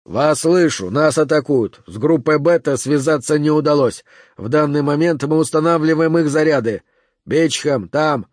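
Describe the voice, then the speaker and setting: A man's voice: a little high, moderate pace, a little mellow, dry recording, clean studio sound, lightly acted. A man voicing a male special-forces commander who gives clipped orders over a radio. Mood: urgent. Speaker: radio team leader.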